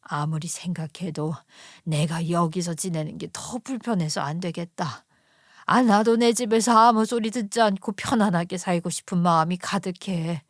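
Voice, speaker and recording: A woman voicing a frail, gentle elderly mother who is ill and speaks softly and apologetically. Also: medium pitch, no room sound, studio quality, natural voice. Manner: soft, quiet, apologetic. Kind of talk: storytelling radio narration.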